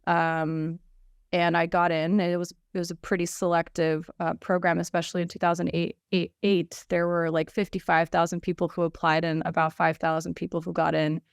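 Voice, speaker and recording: A woman in her thirties, raised between the United States and Russia, talks through her story on a video-call panel. Her voice is low, smooth and clear, with lots of "um"s and restarts. The sound is dry and close. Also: flat delivery, normal speed, no room sound. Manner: conversational, frequent fillers and restarts. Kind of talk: webinar self-introduction.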